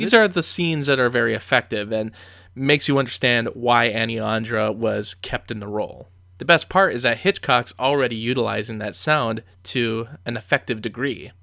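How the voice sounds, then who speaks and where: A man's voice: medium pitch, pushed and bright, dry recording, clean studio sound. A man giving conversational film commentary as a reviewer, telling the story with emphatic asides.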